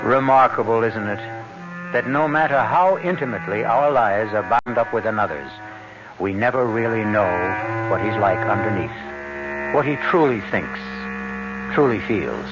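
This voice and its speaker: A man narrating a radio drama in a measured, reflective way, heard through an old AM radio broadcast. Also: lowish voice, lively intonation. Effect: old AM radio broadcast sound. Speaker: host narrator. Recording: dull lo-fi AM radio broadcast with music.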